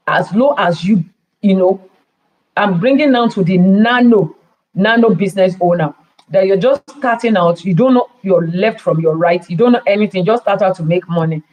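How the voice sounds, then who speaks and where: Heard through a rough recording, this Nigerian-accented podcast host has a medium-pitched, slightly mellow voice. He hammers home his business advice with rhetorical questions and repeated key words.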